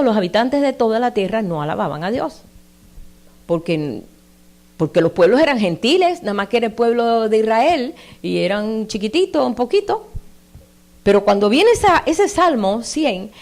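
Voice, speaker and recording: Woman preacher, plain mid pitch, talks to the congregation directly and leans into the scripture lines. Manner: warm conversational preaching, reading scripture aloud with emphatic rises; addresses listeners directly with tag questions. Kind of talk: sermon.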